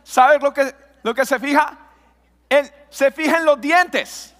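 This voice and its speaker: A man preaching a lively sermon as a pastor, asking his audience questions and joking with them. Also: extremely high pitch, takes it slowly, big-room sound. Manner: lively, talks with an audience, asks questions and jokes.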